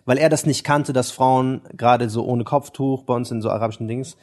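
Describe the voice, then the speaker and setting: A man in a relaxed podcast conversation at an ordinary pitch. He reflects on his family's habits and asks the others about their own experiences. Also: a little fast. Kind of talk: casual chat.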